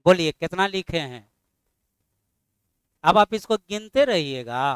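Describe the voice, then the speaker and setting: A middle-aged man teaching a math class, firing constant questions at his students and scolding them mildly when they are slow. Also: high-pitched, expressive, smooth, no room sound.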